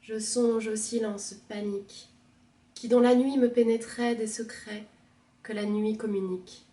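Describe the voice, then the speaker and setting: A woman librarian reading a poem aloud in a measured, soft expressive manner. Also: on the high side, recorded from a distance. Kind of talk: poetry reading. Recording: roomy, from the mic.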